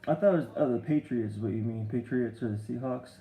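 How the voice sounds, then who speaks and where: Gravelly-voiced man rambling on a live stream. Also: medium pitch, brisk, warm tone, echoey room, poor audio. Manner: rambling storytelling with many restarts and fillers; reads and answers viewer comments. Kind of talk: casual live-stream chat.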